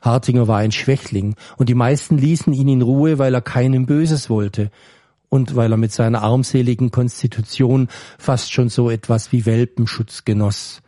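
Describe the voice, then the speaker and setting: A man reading a story aloud in a calm, measured way. His voice is mellow and warm, of middle pitch. The recording is dry, with no room sound. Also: no echo. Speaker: story reader. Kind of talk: scripted narration.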